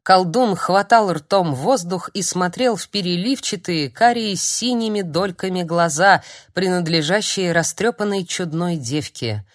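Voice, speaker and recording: Narrator: woman, lowish voice, dry close sound, steady storybook reading. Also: unhurried, hardly any pauses, no room sound. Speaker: audiobook narrator. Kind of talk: scripted fantasy narration.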